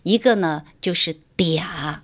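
A woman's voice: lowish voice, slow. A woman writer from Shanghai, guest on a radio interview, explaining her views in an articulate, lecturing way.

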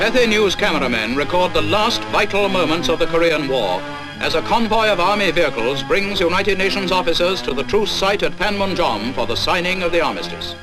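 A man's voice: sits high, expressive, a little fast, poor audio. A man giving formal 1950s-style commentary, played from an old newsreel. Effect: old newsreel narration. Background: music underneath.

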